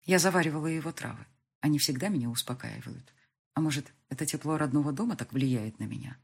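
A woman's voice: low voice, fast talker, vocal fry, slightly rough. A woman narrating a first-person audiobook in an intimate, reflective way.

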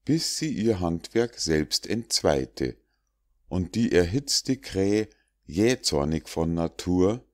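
A man with a deep voice narrates an audiobook of rhymed fables. His pace is slow and deliberate, and he keeps a steady, measured verse rhythm. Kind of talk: reading rhymed fables aloud.

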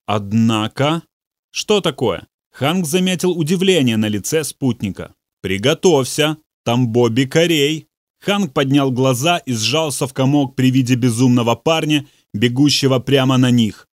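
Brief: measured male narrator, dry studio read. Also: mid-range voice, no echo. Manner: measured, steady storytelling. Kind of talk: audiobook reading.

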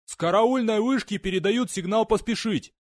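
A man voicing a young scout soldier rushing in with an urgent report in an audiobook. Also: high-pitched, no echo, clean studio sound, pitched above the performer's own voice, close to an everyday voice.

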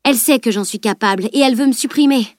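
A woman's voice: on the high side, quick pace, darkish tone, no room sound, clean studio sound, pitched above the performer's own voice, natural voice. A woman voicing a determined teenage girl who reasons aloud earnestly, in an audiobook. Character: determined teenage girl, young magic-user.

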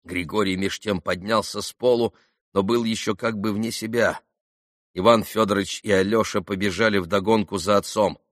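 A man reading a classic novel aloud as expressive scripted narration. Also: lowish voice, moderate pace, dry recording, studio quality. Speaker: audiobook reader.

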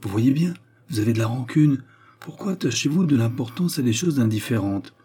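A man reading aloud, voicing a nervous, quick-tempered young woman in a brisk, agitated way. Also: medium pitch, lively intonation, warm tone, breathy edge, voice pushed up. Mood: defensive.

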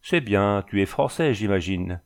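A man's voice: fairly low pitch, expressive, unhurried, clean tone. A man reading a storybook voices a tall, cold bandit chief with a Flemish accent, speaking in a smiling, sing-song, commanding way. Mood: interrogating.

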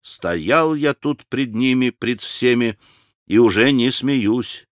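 A man narrating a classic novel aloud, expressive and emotional, with dramatic pauses. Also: mid-range voice, no echo, clean studio sound. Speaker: audiobook narrator. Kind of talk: scripted literary narration.

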